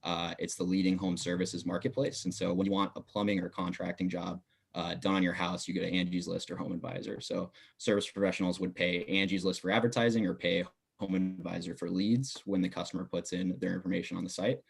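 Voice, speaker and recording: A man's voice: low voice, little pitch movement, brisk, vocal fry, husky. A young adult man, a business student, talking as a podcast guest in a casual interview, giving detailed answers with many filler words.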